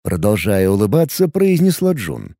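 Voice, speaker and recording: A man narrating a novel in a measured, expressive reading. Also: lowish voice, no room sound, clean studio sound. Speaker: audiobook narrator. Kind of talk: scripted narration.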